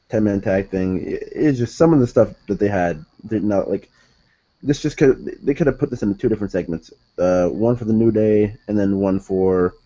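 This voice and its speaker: Young man, low and mellow voice, rambling casual review, self-correcting, slightly muffled lo-fi sound. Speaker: wrestling show reviewer. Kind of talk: casual solo review commentary.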